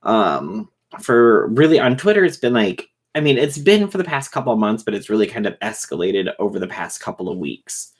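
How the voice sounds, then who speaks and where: Fast-talking man on a casual livestream. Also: lowish voice, big pitch swings, husky. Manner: talks fast; rambling, many fillers and restarts. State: short on sleep. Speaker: livestream host reading chat.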